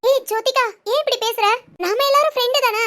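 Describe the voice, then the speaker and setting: Performer doing an earnest young woman friend, very high squeaky cartoon voice, coaxing, persistent. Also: fairly quick, fairly bright tone.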